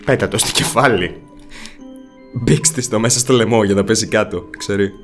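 A man's voice: fairly low pitch, soft background music. A man with a cold chatting casually while playing a game. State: has a cold. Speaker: game streamer. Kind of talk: casual let's play commentary.

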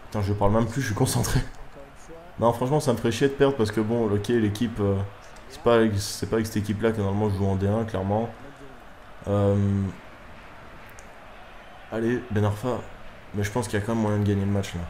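A young man giving excitable live commentary on his own football video game match, swearing at his players and breaking into shouts. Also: lowish voice, fairly quick, pauses often, a little hiss or hum. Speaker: gaming YouTuber. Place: room at home at night.

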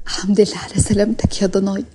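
Woman voicing a doting mother, Egyptian Arabic accent, fussing, fast, warm, husky, storybook character. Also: mid-range voice, level tone, slight background noise, natural voice. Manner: fussing, affectionate questions. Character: doting Egyptian mother fussing over her returned son.

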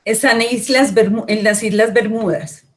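A woman's voice: fairly high pitch, fairly even intonation, normal speed. A woman from Colombia hosting an interview, asking long, rambling questions with frequent tag questions. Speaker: interviewer, host.

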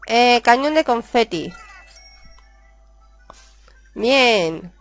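A woman from Spain with a Spanish accent, chatting excitedly as she plays a video game and reads its dialogue aloud. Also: a little high, very slow, faint music behind. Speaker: gaming YouTuber. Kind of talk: casual game commentary.

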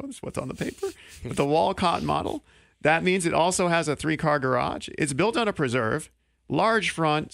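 A man in his thirties hosting a local radio talk show in a small studio, speaking into a studio mic with quick, joking delivery. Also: fairly high pitch, creaky, fairly bright tone, no echo. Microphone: studio mic on boom arm.

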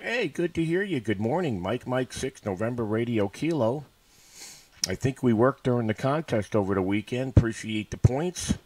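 This man from the USA, an amateur radio operator and livestream host, makes casual radio contacts indoors at a computer, with frequent repetition, callsigns, and radio lingo. Through a studio microphone connected to his PC, his mid-range, darkish voice sounds animated at a moderate pace, with no echo.

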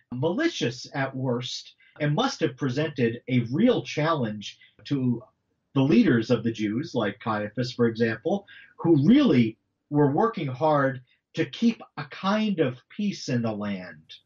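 A man's voice: fairly high pitch, muffled recording. A middle-aged man, an author, explaining early church history in a conversational, teacherly way with frequent asides. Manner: animated, explanatory, with frequent "you know" and repeats. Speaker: author and guest on a faith podcast.

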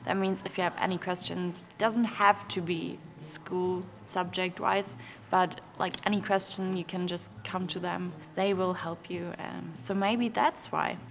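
A middle-aged woman speaks in an earnest tone with a low, gravelly voice. A long hall echo trails her words and faint noise sits behind. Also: fairly even intonation, measured pace. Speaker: international student. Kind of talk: casual interview answers.

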